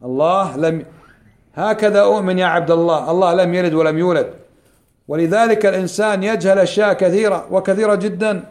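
A man teaching a religious lesson, repeating key phrases slowly and quizzing his class. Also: high voice, a little mellow. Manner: quizzes the class with quick questions.

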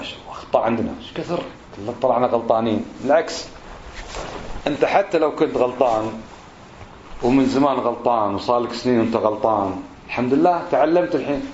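A man, a religious teacher giving a lesson on prayer. He asks his listeners rhetorical questions and stretches out phrases slowly to show how they should be said. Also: medium pitch, slight background noise. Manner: drawls out phrases slowly to demonstrate pronunciation. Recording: roomy, slightly dull recording.

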